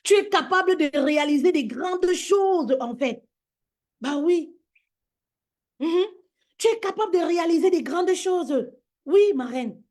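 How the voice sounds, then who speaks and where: Woman, high voice, fervent preaching, repetitive, emphatic. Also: lively intonation, unhurried, a little mellow. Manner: emphatic, repetitive, addressing listeners as "my queen". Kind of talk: preaching to women on social media live.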